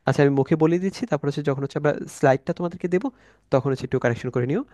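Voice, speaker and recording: A man teaching an online class from slides, slowly spelling out letters and sounds in a casual way, thinking aloud with fillers as he goes. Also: fairly high pitch, dark tone, no room sound. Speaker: German language teacher.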